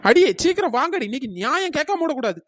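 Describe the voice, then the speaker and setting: A voice actor voicing a fierce little village girl in a cartoon story, bossy and defiant, with a pitch-raised voice. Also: lively intonation, fast, no room sound, studio quality. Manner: defiant, bossy shouting at a bungalow.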